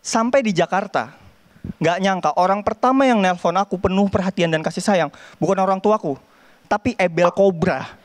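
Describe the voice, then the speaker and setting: A young man from Kalimantan doing a stand-up set on a TV studio stage, animated, acting out sound effects. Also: high voice, moderate pace. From Kalimantan, Indonesia. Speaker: stand-up comedian.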